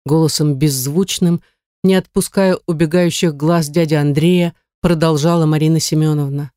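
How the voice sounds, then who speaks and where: An audiobook reader narrating a literary novel in a measured, storytelling way. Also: medium pitch, fairly even intonation, dark tone, clear, resonant tone, no echo, clean studio sound.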